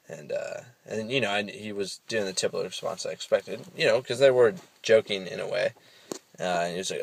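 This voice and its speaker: A man's voice: fairly low pitch, vocal fry. A young man giving a casual, rambling self-help monologue, full of fillers and swearing. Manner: rambling, profane, with many fillers. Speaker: vlogger.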